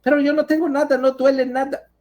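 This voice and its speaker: A man voicing a middle-aged foreign woman patient who speaks in halting, broken phrases with odd intonation. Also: sits high, little pitch movement, darkish tone, pitched above the performer's own voice, close to an everyday voice. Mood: confused.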